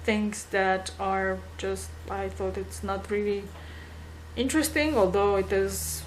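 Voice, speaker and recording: A young woman, a native Romanian speaker with a Romanian accent, chats casually in a home vlog, often pausing to search for words. Her mid-range voice has fairly even intonation, with slight background noise.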